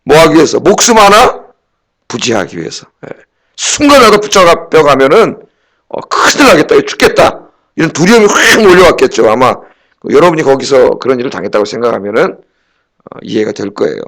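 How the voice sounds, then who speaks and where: A man's voice: medium pitch, very animated, brisk, creaky, a bit bright. A middle-aged man preaching a sermon as pastor, in a conversational way, firing rhetorical questions at the congregation and acting out quoted dialogue.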